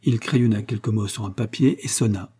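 A man reading a story aloud as narrator, steady and measured. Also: lowish voice, breathy edge. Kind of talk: scripted audiobook narration.

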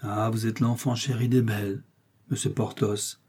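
A jealous middle-aged lawyer's wife, plaintive and sighing, as a man puts her on. The voice is raised well above his own, soft-toned and slightly husky, in a storybook reading. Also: medium pitch, normal speed, voice pushed up, lightly acted. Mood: coaxing.

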